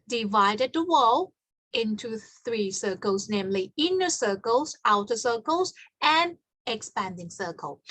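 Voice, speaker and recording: Speaking at an academic conference, a woman from Thailand whose first language is Thai explains her research with measured, somewhat formal care. Her pitch is fairly high and her tone fairly bright, captured in a close, dry recording free of echo.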